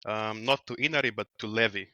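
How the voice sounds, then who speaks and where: A Slovenian man in his twenties, speaking with a Slovenian accent, tells stories as a guest in a casual interview over a video call from a small room at home. He's a wilderness guide who sounds relaxed, laughs a lot and lets sentences trail off. His voice is fairly low and a little fast, and the headset mic gives a muffled sound with no echo.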